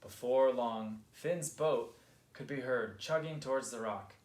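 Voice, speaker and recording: A man's voice: mid-range voice, unhurried, a little mellow. Man reading a children's book aloud. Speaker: storybook reader. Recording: roomy echo.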